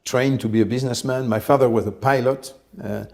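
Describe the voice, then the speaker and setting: A French company head in his sixties speaks as an interview guest, his gravelly, slightly creaky voice sitting at a middling pitch. He recounts his story calmly and reflectively, often pausing briefly to find the right word.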